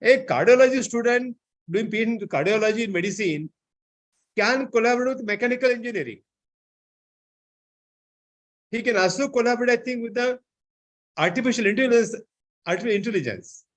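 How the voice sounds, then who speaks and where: A man giving an online seminar lecture, often filling pauses with "I think, you know". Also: very high-pitched. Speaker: seminar speaker.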